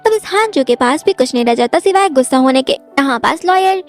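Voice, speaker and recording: A woman's voice: sits high, lively intonation, fairly quick. A woman narrating a drama recap in a storytelling manner, repeating the same linking phrases. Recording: faint background music.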